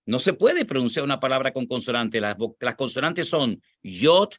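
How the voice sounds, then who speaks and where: A man's voice: mid-range voice, very animated, normal speed, fairly bright tone, no echo, studio quality. A man from Spain with a Spanish accent, a pastor explaining scripture and answering questions in a teaching tone, repeating his points for emphasis.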